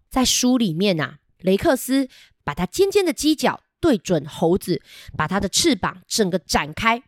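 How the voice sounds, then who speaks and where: A woman with a Taiwanese Mandarin accent reading a picture book aloud to children, asking them lively questions. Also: medium pitch, no echo, studio quality. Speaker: children's storyteller.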